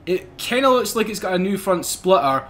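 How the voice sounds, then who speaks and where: A British man hosting a casual racing-game let's-play, excitable and quick to swear or laugh. His voice sits high for a man and swings widely in pitch. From United Kingdom. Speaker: gaming channel host.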